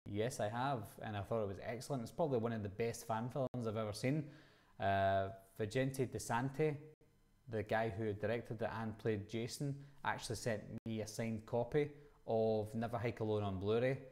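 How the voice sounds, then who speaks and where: A man's voice: on the low side, fairly even intonation, moderate pace, a little mellow. A man in his thirties with a Glaswegian Scottish accent, casually hosting a live chat, reading out questions and answering them conversationally. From Scotland. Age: 30s. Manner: conversational, reads questions aloud then answers. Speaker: livestream host.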